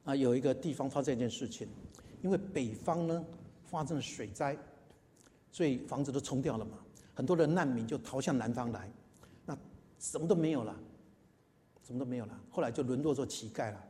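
A man's voice: medium pitch, a little fast, pauses often, dark tone. A man preaching a sermon and telling a story, emphatic, repeating phrases and putting questions to the congregation. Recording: long hall reverb.

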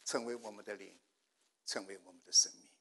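An older man preaching a sermon, telling a personal testimony and swinging from hushed prayer to loud outbursts. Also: on the low side, steady tone, brisk. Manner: storytelling, swinging from hushed to shouting.

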